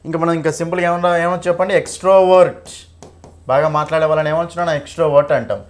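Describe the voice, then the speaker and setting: Fast-talking man teaching English. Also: a little high, steady tone. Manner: quick, repetitive, checks in with "okay?" often. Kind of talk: exam-prep lesson.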